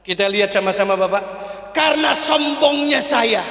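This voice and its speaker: Preacher guy, high bright voice, joking with the crowd, big echoey mosque hall. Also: animated, normal speed. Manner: playful, teasing, acts out scenes, calls out to listeners. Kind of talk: humorous sermon to a congregation. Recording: echoey hall with long reverb.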